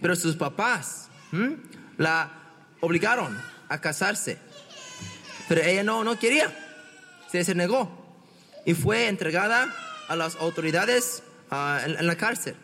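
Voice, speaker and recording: Male preacher, unhurried and chatty, questions the congregation; long hall reverb. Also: high voice, animated, creaky, bright, forceful tone, slight background noise. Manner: conversational, asks the congregation questions, many restarts. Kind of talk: bilingual sermon.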